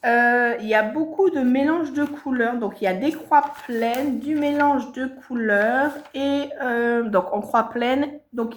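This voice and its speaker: A woman's voice: fairly high pitch, a bit bright. A woman chatting casually to her viewers about her stitching projects, with many hesitations and self-corrections. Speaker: cross-stitch vlogger. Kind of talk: casual show-and-tell chat.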